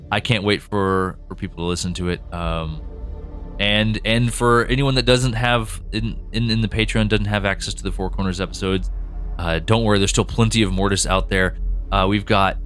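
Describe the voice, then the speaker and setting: A man with a low voice and a fairly bright tone co-hosts a podcast and chats casually. He's a writer who rambles, restarts often, and laughs easily.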